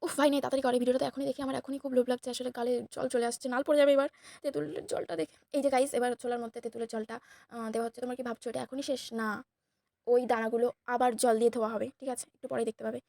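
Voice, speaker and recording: A young woman with a Bengali accent, slightly hoarse, chatting and teasing her friends as she narrates a casual vlog to viewers. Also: on the high side, level tone, rapid-fire, mellow, dry recording. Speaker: vlogger.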